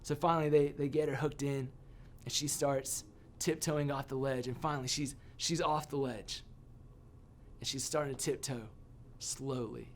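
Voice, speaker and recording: A man giving a sermon as a youth pastor, telling a personal story with animated, self-mocking humor. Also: medium pitch, moderate pace, a little hiss or hum.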